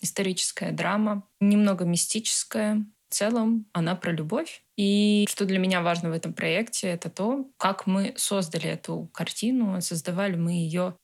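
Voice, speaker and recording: A woman in her twenties, a filmmaker, answering interview questions in a calm, reflective and earnest way. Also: mid-range voice, moderate pace. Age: 20s. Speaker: guest filmmaker.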